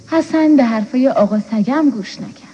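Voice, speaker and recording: A woman narrating a children's story in a gentle, even storytelling manner. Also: a little high, slightly rough, highs cut off.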